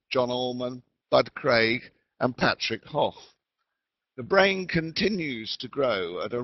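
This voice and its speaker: A man explains things in a calm, deliberate lecture voice at a middling pitch. He comes through a patchy remote call line that keeps fading in and out. The sound is dull, muffled and completely dry. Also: dry recording. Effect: patchy online call audio that fades in and out. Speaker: webinar speaker. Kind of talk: educational lecture. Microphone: remote call mic.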